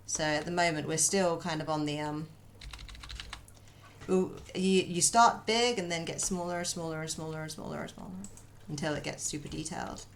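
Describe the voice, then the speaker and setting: Woman, casual streamer chat, muttering while drawing, gravelly, faint hiss. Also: low-pitched, normal speed. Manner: chatty, muttering to herself, answering chat.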